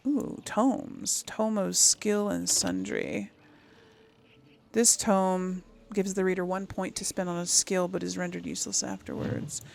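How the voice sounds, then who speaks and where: With a fairly low pitch and vocal fry, a woman hosting a gaming video thinks aloud over her gameplay in a casual way. She murmurs to herself and reads the item text out loud.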